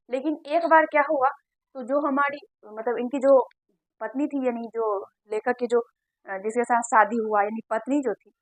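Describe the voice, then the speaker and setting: Woman teacher, high voice, dry close sound, drills exam answers by repetition. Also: fairly bright tone, dry recording, rough recording. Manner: repeats questions and answers to drill points. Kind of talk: exam-prep lesson.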